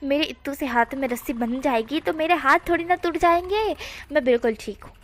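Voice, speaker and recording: A woman's voice: high-pitched, a little fast, close to an everyday voice. A woman voicing a playful, stubborn young man in a read-aloud story, with a whiny, protesting manner. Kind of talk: storybook reading.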